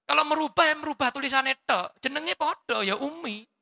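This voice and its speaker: A man with a Javanese accent, a habib preacher answering questions at a religious study gathering in a lively, teasing way. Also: very high-pitched, a little fast, gravelly, big-room sound. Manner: lively, teasing, mixes in local words.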